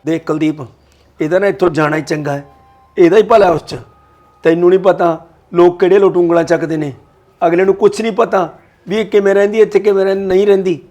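A man's voice: sits high, steady tone, a little fast, a little mellow, muffled recording, lightly acted. A man playing a harsh scolding father-in-law. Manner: gruff, scolding. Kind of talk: family drama acting.

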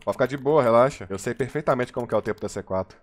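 A Brazilian man streams a shooter, rattling off slangy, excited play calls at a rapid clip. His voice sits at a middling pitch, with a faint hiss of background noise under it. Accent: Brazilian Portuguese. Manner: hyped, slangy banter, calling plays. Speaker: gaming streamer. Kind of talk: live gameplay commentary with teammates.

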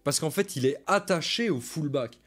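A man's voice: a little high, expressive, normal speed. A man coaches viewers through football film in a live stream, in an easy, chatty way. He repeats his key points and stops now and then to answer viewer comments. He speaks close to a desk mic at his computer.

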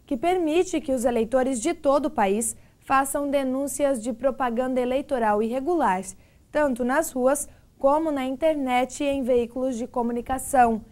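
A young woman news anchor, reading news in a TV studio on a lapel mic with a clear, measured delivery. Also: high voice, a little mellow. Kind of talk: read news presentation.

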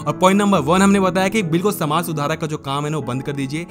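A man's voice: fairly high pitch, fairly even intonation, quick pace, music in the background. A man giving casual self-help advice straight to the viewer, chatty and direct, calling the listener brother. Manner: chatty, addresses viewer as brother, mimics people. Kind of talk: casual Hindi advice talk to camera.

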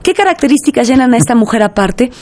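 A woman, a guest expert on a radio interview, explaining in a lively, teacherly way and speaking directly to listeners. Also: on the high side, fast talker.

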